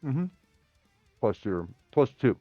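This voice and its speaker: A man's voice: mid-range voice, sing-song, slow, no room sound, dull audio, faint music behind. A man acting as game master, explaining dice rules in a loose, rambling way. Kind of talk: running a tabletop game on stream.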